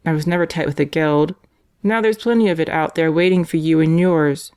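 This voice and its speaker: A woman's voice: deep voice, brisk, mellow, smooth, lightly acted. A woman voicing a mocking, scheming male death row inmate who turns ingratiating. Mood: coaxing. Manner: sneering, then ingratiating.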